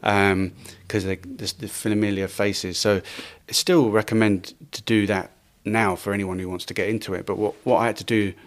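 With a voice on the low side, a middle-aged man from Wales tells casual stories about his career at a moderate pace with few pauses. His accent is English, the Welsh one lost. As a guest in this storytelling interview, he swears a lot, laughs, and acts out quotes.

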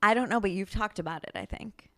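A woman's voice: mid-range voice, fast talker, creaky. A woman co-hosting a podcast in casual chat, hesitant and laughing, with many fillers. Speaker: podcast co-host.

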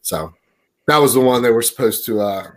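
A man's voice: medium pitch, normal speed. A man in his forties chatting casually on a podcast, telling rambling stories full of fillers. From Maryland, USA. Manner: rambling, filler-heavy storytelling. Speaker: podcast co-host. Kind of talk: casual chat.

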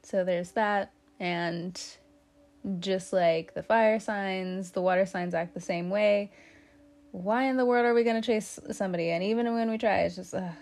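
A woman's voice: medium pitch, normal speed, darkish tone. A woman giving a casual tarot reading, chatty and teasing, with lots of fillers. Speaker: tarot reader.

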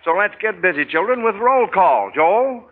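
A man's voice: high-pitched, very animated, normal speed. A man hosting a 1940s radio quiz for children, with a folksy, schoolmasterly way of talking. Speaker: radio quiz show host. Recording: tinny, noisy 1940s radio broadcast.

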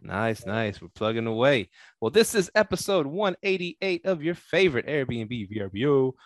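A man's voice: medium pitch, very animated, normal speed, dry recording. Upbeat man co-hosting a podcast, dry sound. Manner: upbeat and joking, laughs easily. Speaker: podcast co-host. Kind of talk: casual podcast chat.

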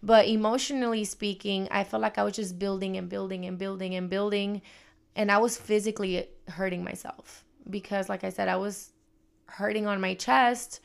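A woman co-hosting a chatty podcast, telling her own story openly and with animation. Her voice is smooth and clear, with a gravelly fry at the ends of her phrases. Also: medium pitch, fairly even intonation, normal speed. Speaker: podcast co-host. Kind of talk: casual chat.

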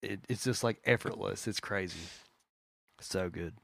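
A man's voice: low-pitched, measured pace, creaky, a bit bright, dry recording. A man co-hosting a podcast, chatting eagerly about music with lots of fillers and restarts. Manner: enthusiastic, rambling with fillers. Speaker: podcast co-host. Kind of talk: casual music chat.

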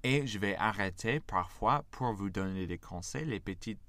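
A man's voice: lowish voice, expressive, moderate pace, a bit bright, dry recording. An American man with an American accent, patiently giving a language lesson and drilling letters for learners to repeat. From United States. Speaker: English teacher.

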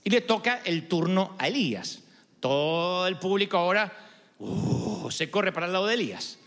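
Man, sermon, dramatic storytelling, lively pitch, long hall reverb. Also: brisk. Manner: dramatic storytelling, emphatic and humorous asides. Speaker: preacher.

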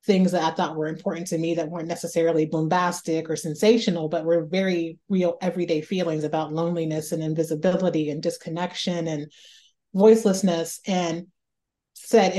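Speaking as an author guest in a reflective interview, a woman from Northeast Ohio explores her ideas. Her voice sits a little low, mellow and relaxed, and she often repeats a word before going on as she thinks aloud.

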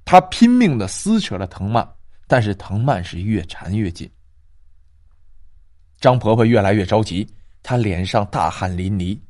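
A man narrating a ghost story in a lively, expressive storytelling voice with drawn-out pauses. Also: fairly low pitch.

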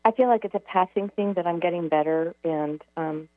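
A woman's voice: fairly low pitch, brisk, no room sound. Woman caller over tinny speakerphone. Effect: heard over a phone speaker. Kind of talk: casual call-in chat. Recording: tinny phone line on the radio.

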